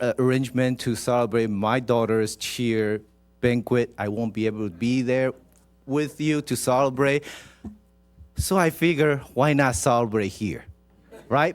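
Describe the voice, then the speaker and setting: A man's voice: mid-range voice, a little slow. A man with a Taiwanese accent speaking as a mayor at a council meeting, chatty and jovial as he addresses people directly in a ceremonial address. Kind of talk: informal ceremonial public address with proclamation reading.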